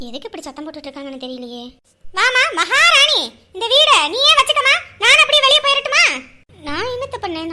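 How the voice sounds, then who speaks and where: A woman's voice: extremely high pitch, background noise. An actress playing a bitter, quarrelsome middle-aged mother-in-law who scolds and complains at length. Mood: angry scolding. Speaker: mother-in-law in a family drama. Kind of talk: scripted web series acting.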